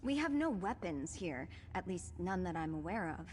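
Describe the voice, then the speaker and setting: Composed, wary young fantasy sister. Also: female voice, fairly low pitch, sing-song, normal speed, a little mellow, slight background noise. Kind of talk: video game character acting.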